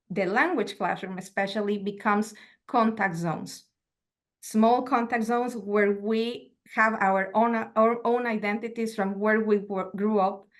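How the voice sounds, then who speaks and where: Here a woman lectures at a university, reflecting aloud in a medium-pitched voice. She comes from Mexico and grew up speaking Spanish; her academic talk is measured, contemplative, and full of rhetorical questions.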